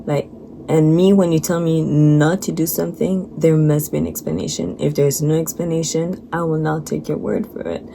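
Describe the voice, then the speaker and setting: A young woman vlogging her personal faith testimony, earnest and halting, holding back tears. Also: deep voice, flat delivery, creaky, warm tone. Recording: noisy background.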